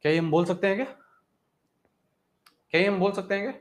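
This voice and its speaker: Coaxing male teacher, slightly high. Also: steady tone, fast talker. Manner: repeats questions to the class, calls students 'beta'. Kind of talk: exam-prep chemistry lesson.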